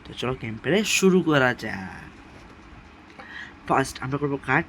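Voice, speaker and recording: Soft-spoken gaming host. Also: male voice, mid-range voice, very animated, a little slow, a little hiss or hum. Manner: speaks softly and quietly late at night; repetitive, pleading with viewers, apologetic. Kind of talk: casual gameplay commentary.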